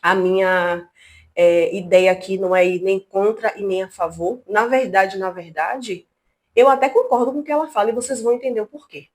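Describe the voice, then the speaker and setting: A woman's voice: medium pitch, steady tone, moderate pace, a little mellow. Indignant, chatty woman vlogger. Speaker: channel host. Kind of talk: casual commentary vlog. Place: at home, not a studio.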